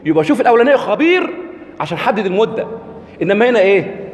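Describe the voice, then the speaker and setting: A man with an Egyptian Arabic accent gives a religious lecture, constantly putting rhetorical questions to his audience. His voice sits high and is sing-song and rapid-fire. The recording sounds like an echoey hall with long reverb.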